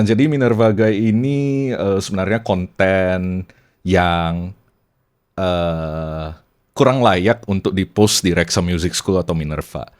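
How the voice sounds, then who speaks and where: A young man with a Medan accent talks through a relaxed, reflective podcast monologue. His voice sits on the low side. His easy, chatty delivery drops English phrases into his Indonesian. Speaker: podcast host.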